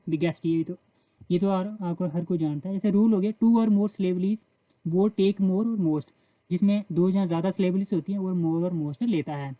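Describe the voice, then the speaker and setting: An Indian-accented woman gives an English grammar lesson in Hindi, laying out the rules step by step and slowly reading out English example sentences. She speaks at a medium pitch in a dry recording with dull audio.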